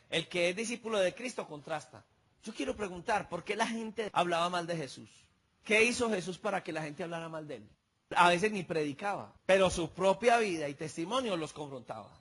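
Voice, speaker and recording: A male pastor, delivering a sermon in a high, bright, ringing voice. He tells stories and voices the people in them, building to emphatic peaks. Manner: storytelling preacher acting out dialogue, rising emphatic peaks.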